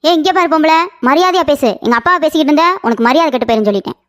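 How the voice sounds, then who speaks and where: A woman voicing a sharp-tongued young wife in a cartoon, answering back quickly. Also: sits high, animated, soft background music. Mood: defiant. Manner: mouthy, quick retorts.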